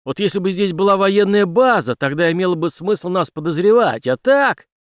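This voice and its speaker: A hot-tempered male space veteran, read by a man in an audiobook, barking his words loud and blunt. His voice rides a little above his usual narrating pitch, full of scorn. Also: expressive, moderate pace, dry recording, clean studio sound. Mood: angry scornful.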